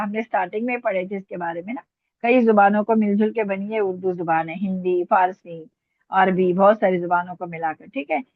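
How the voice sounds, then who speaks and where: Lady teacher on a call, patient, says words again and asks questions, kinda high voice, tinny dry line. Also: no room sound. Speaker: Urdu teacher. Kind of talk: online language class. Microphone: online class call.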